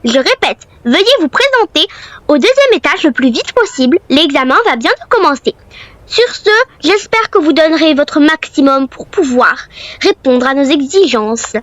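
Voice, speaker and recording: High female voice, woman acting as academy boss, formal school PA announcement, role-play story. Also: lively intonation, normal speed, no room sound. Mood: formal, urgent.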